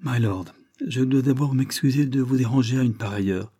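A man's voice: medium pitch, a little fast, mellow, husky, pitched above the performer's own voice, natural voice. A man voicing a male tenant in an audiobook, polite on the surface but biting and almost imperious. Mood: insistent. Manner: respectful yet biting, nearly imperious. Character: deferential but bold male tenant seeking a lease.

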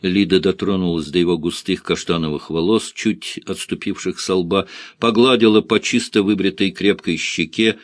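A man reads a story aloud in a calm, measured manner. His voice sits fairly low. The sound is dry and close to the mic. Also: no echo. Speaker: audiobook narrator. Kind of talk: scripted narration.

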